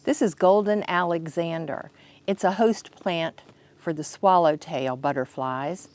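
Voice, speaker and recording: Out in her home garden, a woman from Kentucky, United States, shows her plants in plain, casual, instructive language as a tour guide. Her voice is on the low side, a little mellow and unhurried. Soft outdoor ambient sound can be heard in the background.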